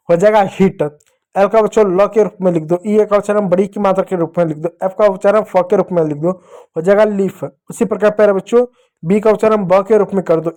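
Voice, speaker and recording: A man teaching English phonics to children in Hindi, slow and patient, repeating each sound. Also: sits high, mellow.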